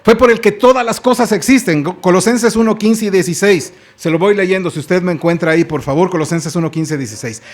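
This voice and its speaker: A man's voice: high-pitched, brisk, hardly any pauses. A man with a Mexican accent preaching a sermon in a church, telling the story dramatically and putting questions to the congregation. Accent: Mexican Spanish. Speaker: pastor.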